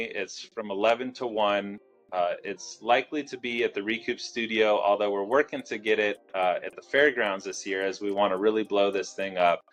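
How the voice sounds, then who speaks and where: A man with a fairly low voice talks loosely and easily as an interview guest, leaning on fillers as he goes. Faint music sits under his voice. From Southern California. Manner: relaxed, many fillers. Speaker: fitness studio owner, guest. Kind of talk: casual interview.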